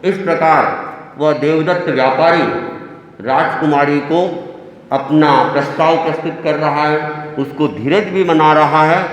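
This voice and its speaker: A man's voice: on the high side, fairly even intonation. A man, a monk, telling a story in a sermon and breaking into sung verses. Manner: measured, narrating and chanting. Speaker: Jain monk preacher. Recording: echoey hall reverb.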